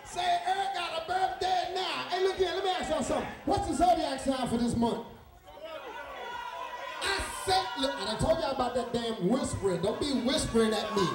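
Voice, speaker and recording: Man, party DJ from D.C., shouting calls to the crowd, echoey hall. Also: extremely high pitch, moderate pace. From Washington, D.C. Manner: loud, joking, shouts calls and questions at the crowd. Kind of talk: hyping a party crowd on the mic. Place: large indoor party hall. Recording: echoey hall, taken from far off. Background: loud music and a crowd.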